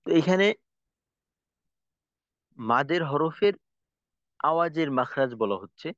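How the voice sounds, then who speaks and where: Higher-voiced man teaching pronunciation. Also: lively intonation, a bit bright, dry recording, dull audio. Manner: patient, demonstrates sounds by repeating them slowly. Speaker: Quran recitation teacher. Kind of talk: spoken lesson on pronunciation.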